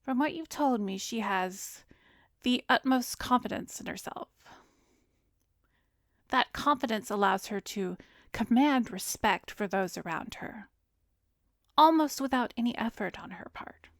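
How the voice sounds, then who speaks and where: This ASMR roleplay, addressed to the listener, features a woman as a soothing, composed therapist hiding that she is an arrogant vampire. Her voice sits on the high side and is animated, yet measured, gentle and professional, often breathy and whispered, with a probing, insinuating mood. A close studio mic records it dry, without room sound.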